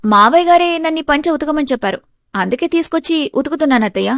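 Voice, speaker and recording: A woman voicing a meek but steadfast young daughter-in-law in an animated story, earnest and pleading. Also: high voice, fast, dry recording, studio quality, pitched above the performer's own voice.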